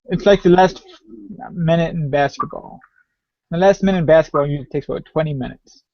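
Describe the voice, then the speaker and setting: A man's voice: a little high, fairly quick, dry recording. Wry man on a dry, lo-fi podcast. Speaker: podcast co-host. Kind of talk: casual chat. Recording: dry, dull lo-fi podcast audio.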